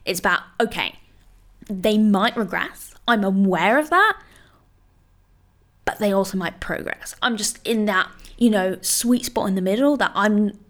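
A woman's voice: mid-range voice, lively intonation, a little slow, fairly bright tone. A woman dog trainer giving casual, encouraging advice, talking loosely with many "you know" and "like" fillers. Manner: reassuring, encouraging.

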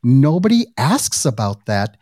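A man's voice: mid-range voice, big pitch swings, a little slow, a little mellow, dry recording, studio quality. A middle-aged man hosting a podcast interview, chatting casually with lots of "you know" and "right". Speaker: podcast host. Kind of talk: conversational interview.

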